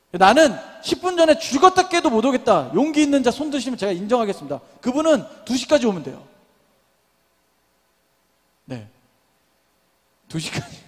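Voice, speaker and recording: A man's voice: extremely high pitch, big-room sound. A young man preaching a sermon to a young adults' service, asking the congregation many questions and calling for amens. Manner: calls for responses and amens. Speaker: pastor. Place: church sanctuary.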